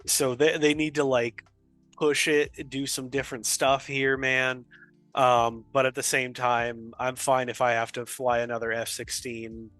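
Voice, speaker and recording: A man's voice: medium pitch, little pitch movement, measured pace, fairly bright tone, dry recording, faint music behind. A man co-hosting a gaming podcast, talking in an enthusiastic, rambling casual chat. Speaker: podcast co-host.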